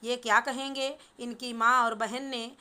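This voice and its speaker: A woman's voice: on the high side, level tone, a little slow, pushed and bright, clear, resonant tone. Woman reading an upset young bride complaining. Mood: angry. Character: angry young newlywed daughter, complaining. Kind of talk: storybook reading.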